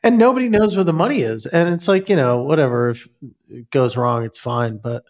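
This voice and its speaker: A man's voice: mid-range voice, lively intonation, brisk, a little mellow. Congested male podcast host with stuffy nose. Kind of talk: casual interview chat.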